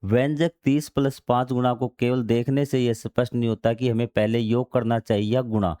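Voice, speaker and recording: Reading from a maths textbook, a man then breaks each passage down in plain language, asking questions he answers himself and going over key steps again. His warm mid-range voice has little pitch movement and a normal speed, with studio-quality sound and no echo.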